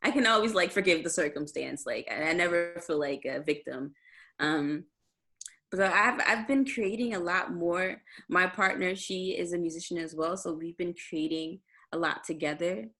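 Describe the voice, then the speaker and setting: Low-voiced rambling young woman. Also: normal speed, pushed and bright. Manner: chatty, rambling with many fillers and restarts. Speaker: musician guest. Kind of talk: casual interview chat.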